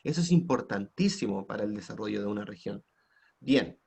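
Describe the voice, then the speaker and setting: A man's voice: on the low side, expressive, a little fast, gravelly, a little mellow, slightly rough. A man teaching an online class with a Chilean Spanish accent, prompting students with frequent tag questions. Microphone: computer mic on a video call.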